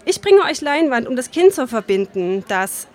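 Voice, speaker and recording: A woman reading the part of a gentle, kind young woman from a wealthy family, speaking mildly and a little timidly. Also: sits high, sing-song, moderate pace.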